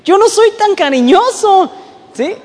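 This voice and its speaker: A man with a Mexican accent giving a storytelling talk, dropping to hushed asides and rising again, often checking in with short rhetorical questions. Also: very high voice, measured pace, in a large hall. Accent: Mexican Spanish. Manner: animated, swings between hushed asides and raised voice, rhetorical questions.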